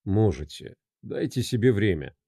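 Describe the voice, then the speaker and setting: A man voicing a calm police inspector who questions a suspect slowly and quietly. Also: gravelly, breathy edge, dry recording, studio quality, full character voice. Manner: quiet, low, measured questioning.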